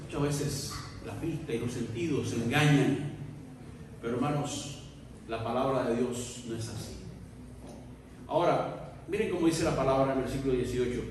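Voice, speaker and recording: A man preaching a Spanish sermon as pastor, swinging from soft murmurs to loud shouted peaks and acting out biblical dialogue. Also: a little high, slight background noise. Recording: echoey hall recorded from far off.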